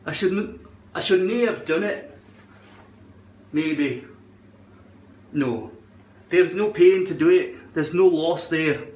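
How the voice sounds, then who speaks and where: Slow and given to frequent pauses, a man with a fairly high, darkish voice walks through a hairpiece adhesive demo. His put-on Scottish accent is shaky, he repeats words and swears at times, and the room sounds large and echoing.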